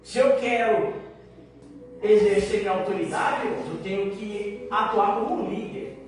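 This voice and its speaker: A man preaching a sermon to his congregation, mixing easy conversational talk with sudden loud, emphatic lines and many rhetorical questions. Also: high-pitched, steady tone, moderate pace. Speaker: pastor. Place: large church hall. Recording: echoey hall, voice far off, background noise.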